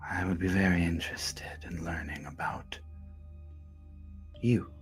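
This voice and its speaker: A sinister death god whispering inside one's head, as a man plays him, cold and cryptic, with a low, breathy menace. Soft music hums in the background. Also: fairly even intonation, a little slow. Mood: menacing.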